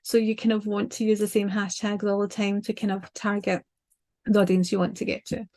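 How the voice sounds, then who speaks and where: An older Scottish woman, a branding designer and show host, gives advice casually over a video call from a small home office. She's chatty, talks with her hands and is full of ums and restarts, with a warm, mid-range voice, level tone and brisk pace.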